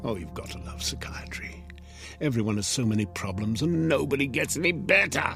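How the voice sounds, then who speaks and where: The devil as a smug chatty salesman, radio drama, super animated n teasing, music loud behind him. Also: mid-range voice, fairly quick, vocal fry. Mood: smug, breezy. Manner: smug, breezy, mocking, theatrical. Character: the devil as a glib, taunting, informal salesman.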